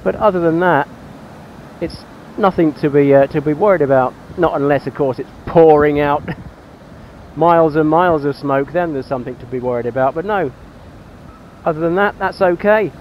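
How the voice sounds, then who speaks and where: A man casually reviewing his own motorcycle outdoors on country lanes, plain-spoken with frequent pauses. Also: a little high, highs cut off, slight background noise. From England. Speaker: motorcycle vlogger.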